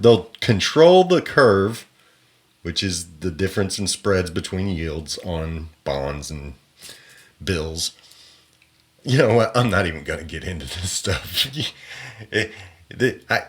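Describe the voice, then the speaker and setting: A man from the American South hosting a podcast, commenting casually on the news in a rambling, excitable way and laughing between points. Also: low-pitched. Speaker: podcast host.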